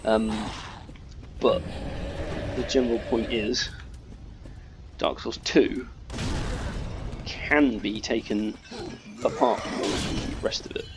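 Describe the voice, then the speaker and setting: A man chatting casually while playing a game, drifting off topic, swearing freely, and now and then yelling at enemies in sudden high bursts. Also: fairly even intonation, slow pace, pauses often, background noise. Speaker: gamer commentating his playthrough. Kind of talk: casual rambling gameplay commentary.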